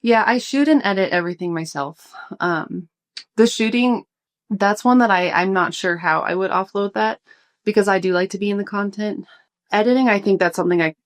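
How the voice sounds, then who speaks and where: A woman's voice: medium pitch, normal speed. A young woman, a food blogger, answering interview questions in casual chat, a little out of breath. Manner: relaxed, thoughtful, many fillers. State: slightly out of breath.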